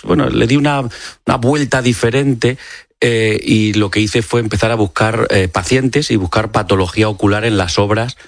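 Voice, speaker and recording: Low-voiced doctor from Extremadura. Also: male voice, no echo, studio quality. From Extremadura, Spain. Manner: explanatory, with frequent fillers and restarts. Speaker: ophthalmologist guest. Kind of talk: radio interview. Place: radio studio. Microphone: studio microphone.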